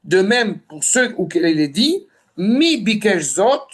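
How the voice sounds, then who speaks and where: A man with a high-pitched voice teaches a Torah class. He moves between Hebrew citations and explanation, restating phrases emphatically as he goes. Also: very animated, slow. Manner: emphatic, repeats and rephrases phrases for the listeners. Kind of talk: Torah lesson reading Hebrew text and explaining it in French.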